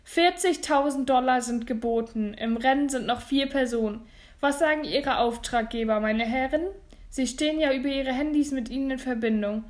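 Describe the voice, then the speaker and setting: Woman doing Onkel Titus, a loud flustered auctioneer. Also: high-pitched, normal speed, close to an everyday voice. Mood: eager. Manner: loud, eager auction calling. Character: flustered middle-aged male auctioneer uncle.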